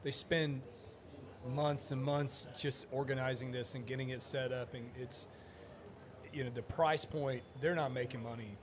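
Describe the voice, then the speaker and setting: A man's voice: medium pitch, fairly even intonation, measured pace. A man co-hosting a casual podcast, chatty and enthusiastic. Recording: crowd chatter in background.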